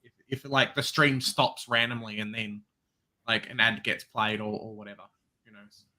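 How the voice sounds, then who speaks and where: A man's voice: on the low side, fairly even intonation, normal speed, sharp tone. A man co-hosting a football live stream, laid-back and casual. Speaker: co-host.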